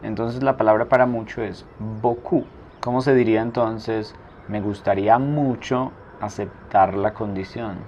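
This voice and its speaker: A man teaching a language lesson, asking a prompt and then saying each answer slowly twice. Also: lowish voice, steady tone, darkish tone. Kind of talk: slow spoken drill lesson. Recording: dull lo-fi recording with faint noise.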